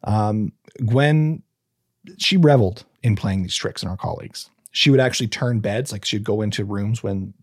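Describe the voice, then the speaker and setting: Husky man telling a crime story. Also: fairly low pitch, moderate pace, no room sound, studio quality. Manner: reads from notes, stumbles and restarts, adds casual asides. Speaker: podcast host telling a true crime case. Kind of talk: casual true crime storytelling.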